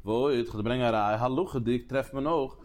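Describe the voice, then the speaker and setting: A man teaching a religious text as a study lecture, talking in rapid bursts, repeating and restarting phrases and posing questions as he works through the reasoning. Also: medium pitch. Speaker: Talmud teacher.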